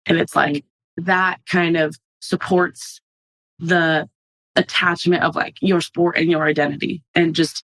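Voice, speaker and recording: A young adult woman, a softball player guest in a casual podcast interview, telling stories animatedly and acting out quotes. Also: lowish voice, steady tone, unhurried, poor audio.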